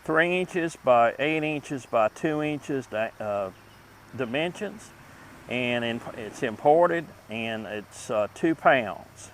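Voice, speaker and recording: On his vintage electronics channel, a man with a mid-range, animated voice walks informally through a review demonstration. The flow is halting, deliberate and unpolished, and there is a little hiss or hum in the audio.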